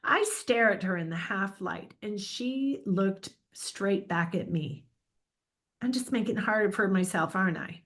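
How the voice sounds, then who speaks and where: A woman's voice: medium pitch, unhurried, a bit bright. A woman reading the lines of a young first-person narrator who sounds unsure and wryly self-questioning. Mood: uncertain.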